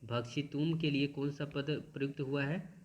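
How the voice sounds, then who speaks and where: A man teaching a school lesson, reading verses slowly and then explaining them with many restarts. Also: fairly high pitch, steady tone, highs cut off.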